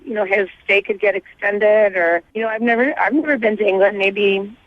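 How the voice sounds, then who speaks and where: A woman's voice: medium pitch, a little fast, no room sound. Chatty woman caller on a tinny phone line. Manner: chatty, lots of fillers like 'like'. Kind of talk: casual phone chat. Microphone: telephone.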